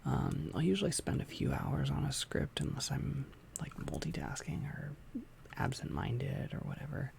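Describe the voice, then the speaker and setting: A young adult ASMR host talks casually to a livestream, mostly whispering. The voice is soft and very gravelly with heavy creak, halting and informal, with small clicks from a tongue piercing. A faint noise sits behind it. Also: medium pitch, very animated. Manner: soft-spoken, hesitant, informal. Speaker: ASMR content creator hosting a livestream.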